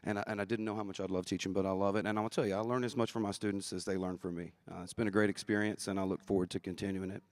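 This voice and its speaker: A man's voice: deep voice, flat delivery, racing, few pauses, darkish tone, no echo. A middle-aged man answering conversationally in an interview. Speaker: interview guest, auctioneering teacher.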